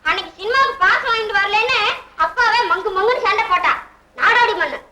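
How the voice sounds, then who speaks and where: An actress playing a chatty, excitable aunt who exclaims often and laughs even while telling sad news, in an old film with a noisy soundtrack. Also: female voice, extremely high pitch, quick pace, roomy sound. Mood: gossipy. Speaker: visiting aunt.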